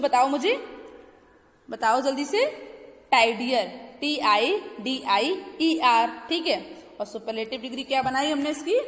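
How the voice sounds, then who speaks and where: A woman teacher with an Indian accent gives a grammar lesson to children. She asks questions, answers them herself, and spells words out letter by letter. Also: fairly high pitch. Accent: Indian English. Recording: echoey room with long reverb.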